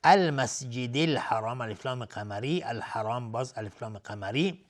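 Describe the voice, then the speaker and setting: A man teaching Quranic recitation rules on a TV lesson. He chants verses slowly and drawn out, then explains each rule in quick, plain talk. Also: fairly low pitch, lively intonation. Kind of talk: tajweed lesson with slow recitation. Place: TV studio.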